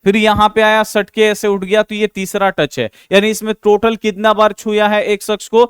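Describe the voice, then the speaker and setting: High, crisp male math teacher. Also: little pitch movement, normal speed, fairly bright tone, no room sound, clean studio sound. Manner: patient and repetitive, calls students "babu". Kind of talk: explaining a class 10 math exercise.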